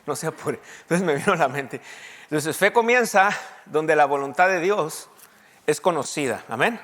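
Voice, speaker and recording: A man's voice: fairly high pitch, moderate pace, big-room sound. A man preaching a sermon as pastor, speaking to the congregation and reading scripture aloud with emphatic repetition. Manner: lively preaching with quoted scripture and asides to the congregation.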